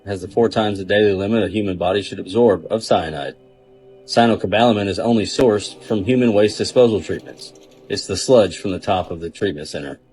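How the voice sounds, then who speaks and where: A man's voice: on the low side, fairly quick, darkish tone, soft background music, low-quality recording. A man delivering an explanatory social media monologue in blunt, declarative statements.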